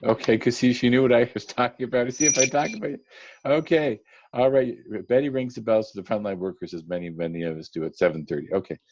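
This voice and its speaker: A man's voice: mid-range voice, fast talker, a little mellow, lo-fi sound. A man emceeing a virtual dinner over a video call, chatty, calling on guests by name. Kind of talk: casual virtual meeting hosting.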